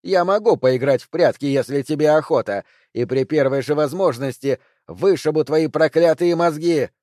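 A man voicing an enraged red-haired woman with a shotgun, yelling furious threats in an audiobook. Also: on the high side, measured pace, no room sound, clean studio sound, pitched above the performer's own voice, lightly acted. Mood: taunting yells.

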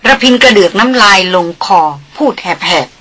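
A woman reading a novel aloud in measured scripted narration. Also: fairly high pitch, pushed and bright, breathy edge. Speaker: audiobook narrator.

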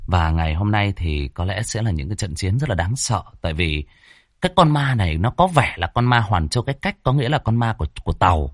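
A man hosting and narrating a horror story in a lively, chatty way. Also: fairly low pitch, brisk, dry recording, studio quality. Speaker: storyteller and channel host.

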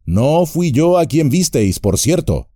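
A man voicing an old, wise and wry male wizard in an audiobook, speaking in a measured, gently humorous way. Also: fairly high pitch, sing-song, dry recording, clean studio sound, pitched above the performer's own voice, exaggerated voice. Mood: wry calm.

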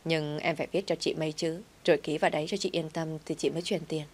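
A well-off woman who speaks bluntly and teases, with a low, steady voice. A woman reads her lines in a story narration. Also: quick pace. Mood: eager.

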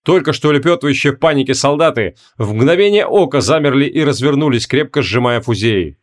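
A male audiobook narrator reads a fantasy book aloud in a steady, measured way, his pitch in an ordinary middle range.

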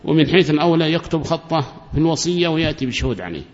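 A man's voice: fairly high pitch, animated, very fast. A man teaching a lecture on religious rulings, explaining carefully and repeating key phrases. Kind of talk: classroom lecture on Quranic rulings. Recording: dull, echoey lecture recording.

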